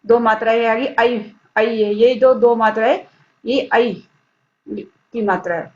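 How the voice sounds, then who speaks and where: A woman teaches a grammar lesson in a fairly high voice and speaks very slowly and deliberately. She asks her pupils questions and then answers them herself. The audio is dull and lo-fi. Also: steady tone. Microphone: screen-recorded lesson.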